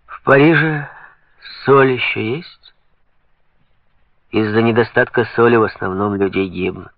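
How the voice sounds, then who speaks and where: Dejected, hungry bank clerks speak glum and subdued, as a male reader voices them. The voice is low and dry, close to the mic. The sound is dull and lo-fi. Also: unhurried, no echo.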